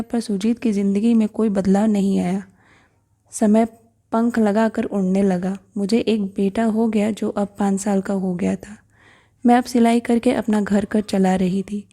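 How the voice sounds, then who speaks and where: A woman narrating a first-person family story in a steady, plain storytelling delivery. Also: mid-range voice.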